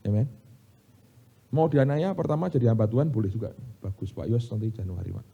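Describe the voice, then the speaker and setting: Indonesian pastor preaching with animated delivery. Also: male voice, lowish voice, brisk, gravelly, husky, muffled recording. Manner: animated storytelling, addresses congregation as "saudara". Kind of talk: sermon. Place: church sanctuary.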